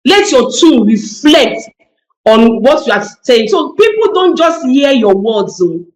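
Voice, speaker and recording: A woman's voice: high voice, big pitch swings, a little slow, reverberant, low-quality recording. A woman on a TV panel discussion, speaking emphatically and repeating key phrases for weight. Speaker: talk show panelist.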